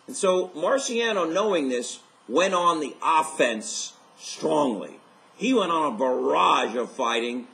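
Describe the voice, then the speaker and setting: A life coach in his fifties records a motivational video message in his living room, speaking upbeat and enthusiastic straight to camera. His voice is fairly high and a bit bright.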